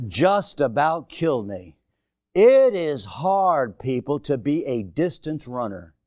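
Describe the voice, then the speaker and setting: A man in his sixties preaching with a high, lively voice that swoops up and down. He exhorts and hammers his points home with repetition. The sound is close and dry. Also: slow pace, no room sound. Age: 60s. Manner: emphatic, exhorting, repeats phrases for effect. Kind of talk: sermon. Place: church before a congregation.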